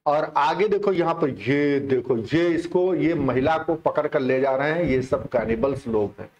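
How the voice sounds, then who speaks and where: A man's voice: a little high, unhurried, darkish tone, highs cut off. A man teaching English vocabulary in a chatty, repetitive online exam-prep lesson. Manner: explains in Hindi mixing English terms, chatty and repetitive.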